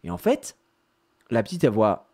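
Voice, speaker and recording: A man streamer telling a family story in a casual, animated, slangy way. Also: mid-range voice, normal speed, creaky.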